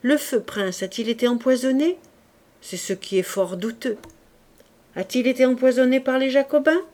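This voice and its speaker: A woman reading the lines of a witty court duchess in a calm, ironic way. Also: sits high, moderate pace, pitched above the performer's own voice, close to an everyday voice.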